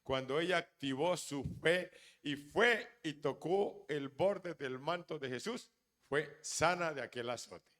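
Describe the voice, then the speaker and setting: A pastor preaching a sermon, acting out the voices of people in the stories and swinging between loud exclamations and hushed asides. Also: male voice, fairly high pitch, takes it slowly, big-room sound.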